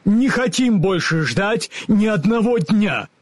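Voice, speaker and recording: A man reading a storybook, voicing a stern male tin woodman who speaks slowly. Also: a little high, sing-song, husky, dry recording, heavily acted. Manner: stern, slow.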